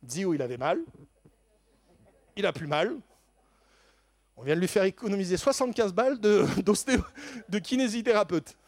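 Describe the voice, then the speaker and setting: A man telling a lively faith testimony in an animated way, laughing often and stammering into quick repeats. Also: high voice, dry recording.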